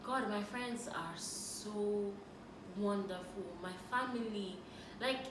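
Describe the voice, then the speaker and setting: A woman in her thirties speaks in a personal vlog. Her tone is earnest and reflective, and she often stops and restarts her sentences. She sits some way back from the camera mic in a roomy, echoey space with steady background noise. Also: medium pitch, slow pace, distant mic. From Nigeria. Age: 30s. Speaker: faith and lifestyle YouTuber.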